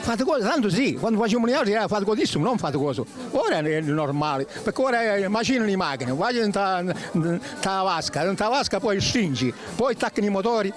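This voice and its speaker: An older man with a Sicilian accent, explaining traditional work in casual dialect, halting and repeating himself. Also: high-pitched, sing-song, faint music behind. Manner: halting, repetitive, colloquial explanations. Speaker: traditional winemaker recalling his work.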